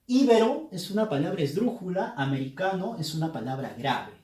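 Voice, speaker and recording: Male teacher, fairly high voice, slow and emphatic, echoey room. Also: expressive, darkish tone. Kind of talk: spelling lesson.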